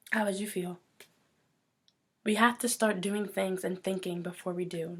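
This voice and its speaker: A woman hosting her own talk show, delivering an earnest, impassioned rant and going hoarse from it. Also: medium pitch. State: losing her voice. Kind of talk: personal talk show monologue.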